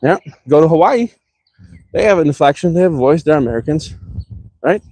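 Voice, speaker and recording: A man's voice: fairly high pitch, lively intonation, brisk, dark tone, no room sound. A man with a slight accent, ranting heatedly and profanely in a casual vlog, talking from his car. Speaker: vlogger.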